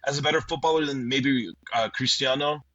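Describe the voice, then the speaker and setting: A Brazilian man hosts a casual football podcast in a brisk, sharp, mid-range voice with no echo. He hesitates and uses many fillers while steering the conversation with questions to his guests, recorded on a dull lo-fi mic.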